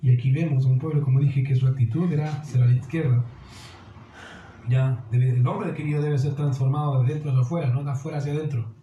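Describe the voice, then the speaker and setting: A man's voice: mid-range voice, fairly even intonation, quick pace, mellow, reverberant, lo-fi sound, a little hiss or hum. A man preaching a sermon as pastor, earnest and direct, often calling listeners "querido".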